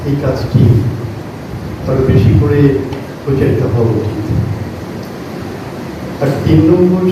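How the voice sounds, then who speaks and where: A man giving a formal public address in halting, measured phrases, his voice swimming in a heavy cathedral-like echo. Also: a little high, recorded from a distance. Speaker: invited speaker at a film screening. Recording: echoey, dull, noisy hall from afar.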